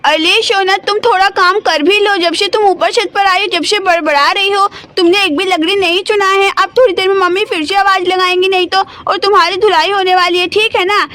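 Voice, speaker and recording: Hurried, nagging teen sister, played by a woman; very high voice. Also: steady tone, pushed and bright, no echo. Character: hurried teenage girl, bossy with her sister.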